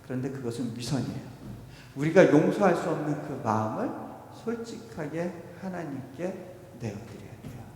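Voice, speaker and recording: A man's voice: fairly high pitch, big pitch swings, normal speed. Korean-speaking man preaching in an echoey church. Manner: storytelling with acted quotes, swinging loud and soft. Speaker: missionary preacher. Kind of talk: revival sermon. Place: church sanctuary. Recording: echoey church hall, faint noise.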